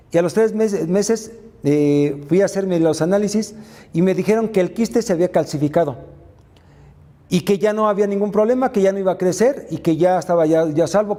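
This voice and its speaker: High-voiced man preaching faith. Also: dark tone, in a large hall. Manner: retells Bible stories with many filler sounds. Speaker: faith mentor and speaker. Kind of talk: motivational faith talk.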